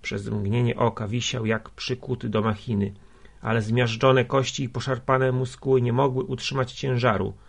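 A man narrating a literary story in a measured, steady way, with a gravelly, husky voice. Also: medium pitch. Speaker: audiobook narrator.

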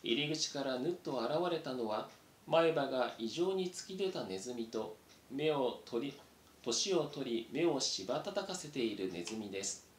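A man reading a children's adventure story aloud in an even, measured way. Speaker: reader. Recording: roomy echo, faint rumble.

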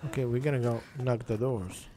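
A man's voice: mid-range voice, fairly even intonation, fairly quick, warm tone, a little hiss or hum. A man streaming gameplay, commenting casually in broken English with a friendly, chatty manner. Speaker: livestreamer.

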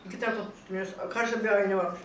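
An older woman talks quickly and with feeling, tearful one moment and laughing the next. She is recorded from some distance in an echoey room with faint noise behind her. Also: mid-range voice, fairly even intonation. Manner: tearful and laughing by turns, quoting others. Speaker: vlog guest talking about her illness. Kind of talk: emotional casual chat.

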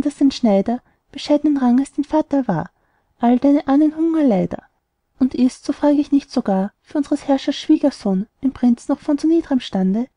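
A woman's voice: sits high, mellow, no room sound. A woman voicing a worried, skeptical mother in an audiobook, reading rhymed verse earnestly.

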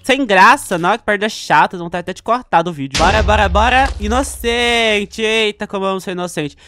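A man's voice: high voice, fairly quick, background noise. A young man with a Brazilian Portuguese accent, giving chatty gameplay commentary with dramatic outbursts. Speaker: gaming YouTuber.

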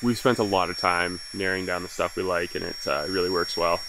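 A man's voice: deep voice, steady tone, fairly quick, background noise. A young man chatting casually in a hiking vlog, filmed outdoors with a handheld camera at arm's length. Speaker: travel vlogger. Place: outdoors on a mountain trail.

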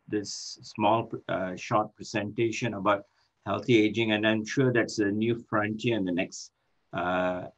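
Older male academic lecturing over a video call, low voice, halting delivery, dull lo-fi sound. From Malaysia. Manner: halting, many fillers and restarts. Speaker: guest speaker, professor of occupational therapy. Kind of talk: online lecture. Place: office with shelves. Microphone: laptop microphone on a video call. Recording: muffled video call audio.

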